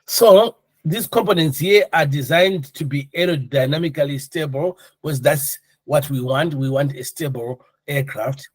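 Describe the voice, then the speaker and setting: A man with a fairly high voice teaches an air traffic control course, talking at a moderate pace with few pauses. He keeps things informal, conversational and jokey, asking the class questions and explaining step by step. The recording is dry.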